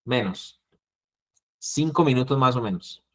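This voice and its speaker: A man with a Colombian accent teaching an interviewing class, acting out the calm phrases he wants students to use. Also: mid-range voice, a little slow. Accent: Colombian Spanish. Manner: lively, acts out calming phrases. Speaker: instructor.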